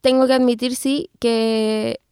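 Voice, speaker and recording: High-voiced Chilean woman telling a story. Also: takes it slowly, clean tone, dry recording, clean studio sound. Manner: animated storytelling with slang and laughter. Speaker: podcast co-host. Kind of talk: casual chat.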